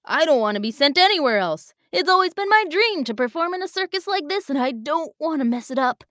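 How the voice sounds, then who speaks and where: Woman doing eager young male lion, storybook, bubbly, high, swooping. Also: fairly quick, dry recording, studio quality. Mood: excited grateful. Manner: bubbly, excited, grateful.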